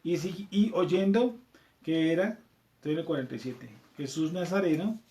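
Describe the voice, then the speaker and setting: A Colombian man leads a scripture class, reading passages aloud and going over them again. His voice sits a little high for a man. The room around him is noticeably echoey. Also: moderate pace, warm tone. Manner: reads verses aloud, repeats them, checks in with "¿cierto?". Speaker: Bible study teacher.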